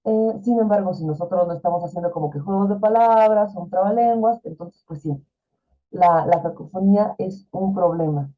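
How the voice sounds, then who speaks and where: A woman with a lowish voice and normal pace explains things chattily in an online class, sprinkling in fillers and rhetorical questions. The sound comes through a video call and is thin and phone-like.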